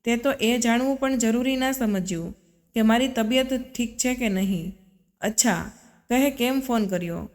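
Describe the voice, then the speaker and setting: A woman voicing a proud, headstrong young wife who speaks with sharp, indignant reproach, in a storybook reading. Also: fairly high pitch, a little slow, lightly acted. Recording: long reverb.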